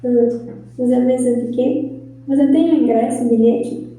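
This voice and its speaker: High, mellow woman reading a lesson. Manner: careful, measured reading. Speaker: student reading the lesson text. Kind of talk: reading a lesson text aloud. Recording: echoey, distant, dull sound.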